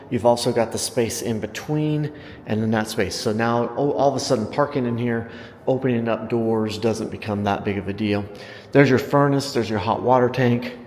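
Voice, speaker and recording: A man's voice: medium pitch, a little mellow, a little hiss or hum. An American man working as a real estate agent, giving a casual, enthusiastic walk-through home tour and talking up the features to viewers. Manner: enthusiastic sales talk, emphasising features. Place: inside a house, walking room to room.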